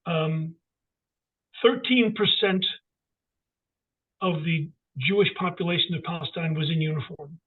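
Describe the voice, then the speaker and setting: A man's voice: on the high side, unhurried, long pauses, husky. A man talking as an author guest in an interview, emphatic and full of restarts. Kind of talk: casual interview talk. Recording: tinny phone-like line.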